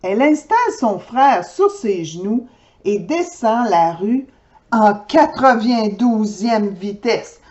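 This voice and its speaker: A woman's voice: mid-range voice, highs cut off. A woman reading a children's picture book aloud, talking straight to young listeners. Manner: lively, slow and expressive, talking directly to children. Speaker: storyteller. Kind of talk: children's storybook read-aloud.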